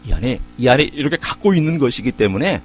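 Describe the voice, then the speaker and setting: Animated middle-aged pastor preaching. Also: male voice, mid-range voice, fast talker, slight background noise. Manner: animated preaching with rhetorical questions; conversational storytelling. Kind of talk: sermon.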